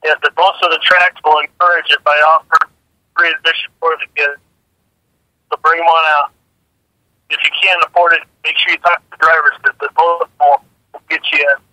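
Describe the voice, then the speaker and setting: A woman's voice: low-pitched, flat delivery, a little fast, long pauses, pushed and bright, dry recording, low-quality recording. A woman who drives jet dragsters, chatting casually in an interview, repeating words and laughing easily.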